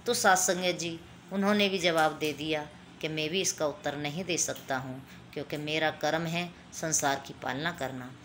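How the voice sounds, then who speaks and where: A woman's voice: deep voice, fairly even intonation, normal speed, few pauses, a bit bright, slight background noise. A woman giving a devotional talk to a congregation, telling a religious story and addressing her listeners again and again. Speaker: satsang speaker.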